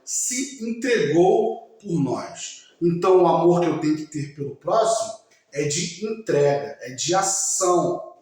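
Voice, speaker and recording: A man giving a slow, emphatic religious talk, speaking directly to his listeners. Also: on the high side, animated, darkish tone. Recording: very echoey room.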